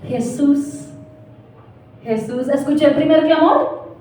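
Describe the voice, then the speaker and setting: A woman's voice: sits high, slow pace, warm tone, heavy reverb, far from the mic, slight background noise, low-quality recording. A woman pastor preaching a passionate sermon, asking the congregation questions. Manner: impassioned, asks the congregation questions. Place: church.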